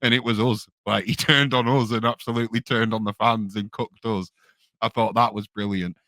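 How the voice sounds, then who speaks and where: A man's voice: lowish voice, fairly even intonation, moderate pace, bright, forceful tone, no room sound. A man chatting casually as an opinionated wrestling fan, enthusiastic and rambling. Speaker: wrestling podcast commentator.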